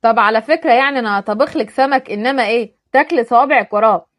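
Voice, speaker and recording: A woman's voice: on the high side, very fast, a bit bright, no echo, natural voice. A woman voicing a joking young man with an Egyptian accent in a told story. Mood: teasing. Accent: Egyptian Arabic. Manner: joking, teasing. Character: young man, teasing joker with a soft heart.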